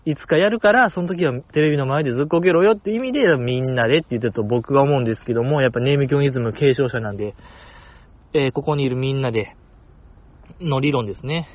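A man's voice: medium pitch, fast talker, muffled recording. A man with a Kansai accent hosting a solo fan podcast, chatting enthusiastically and poking fun at himself. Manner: enthusiastic, chatty, self-mocking. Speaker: podcast host.

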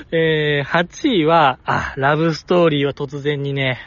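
A man hosting a podcast, chatting casually on his own in a rambling, animated way. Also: fairly high pitch, dry recording, highs cut off. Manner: rambling, animated, with frequent laughs. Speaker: podcast host. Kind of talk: casual solo chat.

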